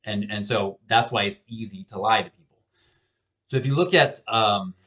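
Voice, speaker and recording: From a small home office, a professor in his thirties records a lecture on his webcam in a relaxed, conversational way, often restarting and repeating words. He speaks at a moderate pace in a low, fairly bright voice.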